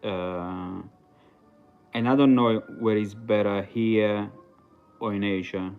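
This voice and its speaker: A man talks through a casual livestream, circling his thoughts with many fillers and restarts. His voice sits on the low side, and the sound is dull and lo-fi with faint music underneath. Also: fairly even intonation, slow pace, clean tone. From Italy. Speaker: livestream host.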